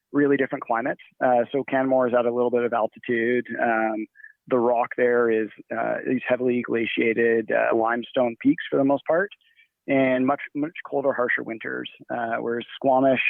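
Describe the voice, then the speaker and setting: A guest who grew up in Nigeria answers interview questions loosely and ramblingly, with lots of fillers and restarts. His gravelly, middle-pitched voice comes through a tinny, phone-like line with no room sound.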